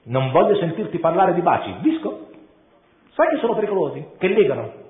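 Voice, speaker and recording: A man's voice: high voice, big pitch swings, fairly quick. A man voicing a cynical, worldly-wise old male chameleon father who lectures his son. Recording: tinny echoey room.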